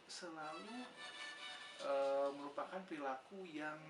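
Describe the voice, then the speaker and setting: A nursing lecturer with an Indonesian accent talks a little slowly in a fairly high-pitched voice, with music playing in the background. His psychology explanation is patient, full of "ya" fillers and self-answered questions. The mic sits far away in a reverberant, noisy room.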